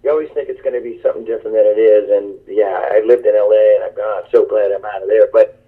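A man's voice: fairly low pitch, fairly even intonation, fast, husky, narrow, tinny audio. A man, a guest musician, talking in a rambling, enthusiastic and self-deprecating way over a speakerphone line during a phone interview. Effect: heard over a speakerphone line.

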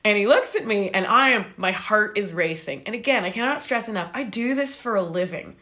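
A young woman from Canada telling a long story in a rambling, animated way, acting out what people said. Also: medium pitch, fairly quick. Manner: animated, rambling, acts out quoted voices. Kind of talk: casual storytelling.

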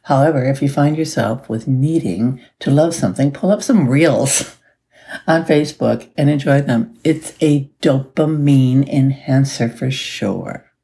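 Woman life coach hosting a solo podcast; groggy morning voice, mellow and gravelly, chatty and upbeat. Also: rumbling low, measured pace. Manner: chatty and upbeat, with little laughs. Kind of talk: casual solo podcast talk.

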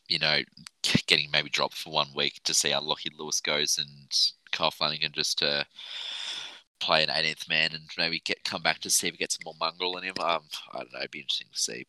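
An Australian man hosts a casual sports podcast. His voice is extremely deep with a hard, bright, forceful edge. He talks in an informal, blokey way, and the sound is close and dry. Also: no echo, rough recording. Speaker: podcast host.

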